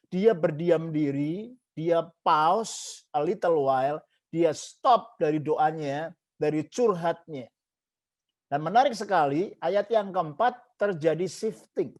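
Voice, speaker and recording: In an emphatic sermon, a male pastor with a high-pitched, darkish voice leans on repeated parallel phrases. He mixes English phrases into his Indonesian and repeats "saudaraku" often.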